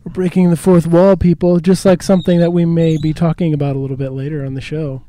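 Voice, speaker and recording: A man hosting a casual radio talk show from a studio, chatty and quick to laugh. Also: on the high side, little pitch movement, mellow, no room sound. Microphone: studio mic with headphones.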